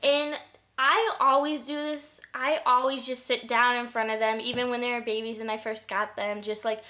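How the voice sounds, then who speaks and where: Young woman vlogger, a bit high-pitched, loose and chatty how-to delivery. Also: level tone, normal speed, pushed and bright. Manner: chatty, lots of fillers. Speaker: pet vlogger. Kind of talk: casual how-to vlog.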